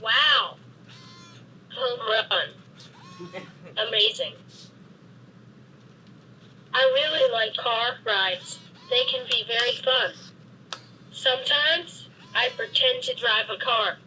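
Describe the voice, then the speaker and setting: A woman's voice: on the high side, animated, bright, forceful tone, a little hiss or hum, full character voice, poor audio. Synthetic female voice of a cheerful robot boy. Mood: friendly. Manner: slow, simple, deliberate sentences. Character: friendly cheerful boy robot, slow and careful. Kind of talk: programmed robot speech for children. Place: meeting room, played from a robot.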